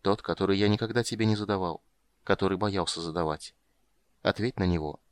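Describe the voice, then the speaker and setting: A man doing a gruff, weary monster hunter. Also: brisk, no room sound, close to an everyday voice. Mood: subdued. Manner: gruff, bitter, low-key. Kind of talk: audiobook character reading.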